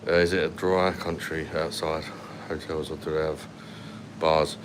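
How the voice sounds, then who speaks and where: A deep-voiced London man hosts a casual livestream on his phone, held at arm's length in a hotel room at night, reading out comments. He's blunt and sweary and laughs often. He talks a little slowly in a level tone, with background noise present.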